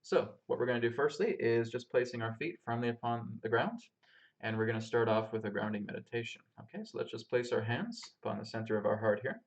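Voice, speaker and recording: A man calmly leading a guided grounding meditation as a spiritual teacher, giving step-by-step instructions to listeners. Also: mid-range voice, fast talker, vocal fry, lo-fi sound. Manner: calm, instructing listeners step by step through breathing. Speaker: spiritual teacher and healer leading a live session.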